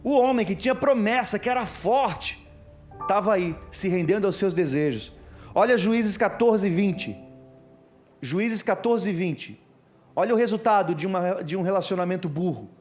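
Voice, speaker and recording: A fairly high-voiced man preaches, reading verses aloud and explaining each one. Soft music sits behind him. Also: expressive, normal speed. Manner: explanatory, reads verses then comments. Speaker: pastor. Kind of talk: sermon with scripture reading. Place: church stage before a congregation.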